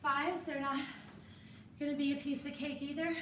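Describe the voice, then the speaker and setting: A woman's voice: sits high, little pitch movement, moderate pace, fairly bright tone, roomy sound, far from the mic, a little hiss or hum. A woman fitness instructor coaching a workout while exercising alongside, encouraging and a little winded.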